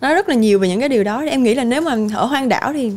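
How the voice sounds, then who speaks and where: A young woman speaks as a podcast guest. Her voice sits a little high, and she talks candidly and chattily, laughing easily. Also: lively intonation, racing, a little mellow. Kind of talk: casual interview chat.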